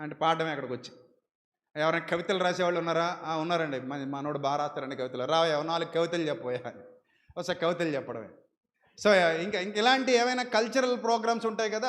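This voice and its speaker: A man's voice: sits high, fairly bright tone. A middle-aged man with a Telugu accent preaching a sermon, emphatic, asking the congregation questions and answering them himself. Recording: echoey hall.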